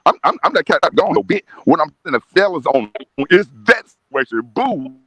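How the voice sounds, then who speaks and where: Guy on a laggy call, words stuttering and breaking up, lively up and down voice, kinda dead dry sound. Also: a little high, fairly quick, breathy edge, no echo. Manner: animated, repeats words as the call lags. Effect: choppy glitching call audio that breaks up and stutters. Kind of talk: casual chat. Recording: dull lo-fi remote call line.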